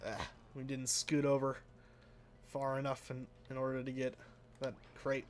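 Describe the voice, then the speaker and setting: Commenting casually on his own racing gameplay, a let's play host rambles, makes fun of himself, lets sentences trail off and drifts into mumbles. His mid-pitched voice, which he himself describes as flat and a little nasal, moves at a measured pace over faint background noise.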